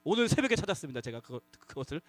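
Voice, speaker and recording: A man preaching to middle schoolers as their youth pastor, lively and coaxing the audience to call out together. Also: on the high side, racing, dry recording. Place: church youth worship hall.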